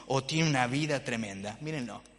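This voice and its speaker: A man's voice: medium pitch, moderate pace. A man with a Rioplatense accent preaching a sermon as pastor, asking the congregation questions and joking with them. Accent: Rioplatense Spanish. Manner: lively preacher, rhetorical questions to the congregation, playful humor. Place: church hall. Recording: church hall with long reverb.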